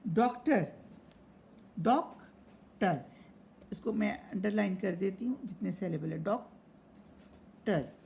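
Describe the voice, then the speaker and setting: A woman's voice: medium pitch, moderate pace, creaky, hardly any pauses, warm tone, slight background noise. A woman teaching an English lesson, explaining words and spelling them out letter by letter. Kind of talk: lesson explaining vocabulary and syllables.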